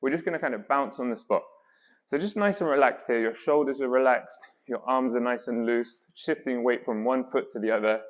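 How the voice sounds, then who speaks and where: Wearing a mic as he exercises, a man coaches a guided workout with counts and cues, staying encouraging and reassuring. He speaks a little fast in a mid-range voice.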